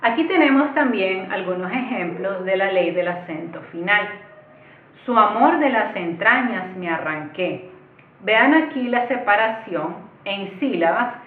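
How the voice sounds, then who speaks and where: A woman teaches an online lesson in a patient, explanatory way and speaks directly to her viewers. Her voice comes through thin and tinny, like over a phone line. Behind it is the echo of a bare room. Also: medium pitch.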